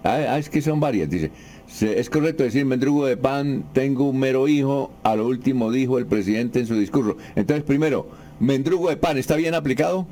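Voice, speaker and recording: Male radio host, mellow tone, casual, puts listener questions to a guest. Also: mid-range voice, fairly quick.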